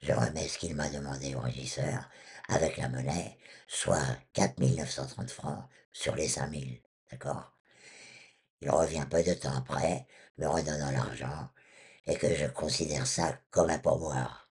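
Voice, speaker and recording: A man with a honking, duck-like, husky voice from vocal cord surgery, telling anecdotes as an interview guest. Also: rumbling low, steady tone, a little slow, darkish tone. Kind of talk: storytelling in an interview.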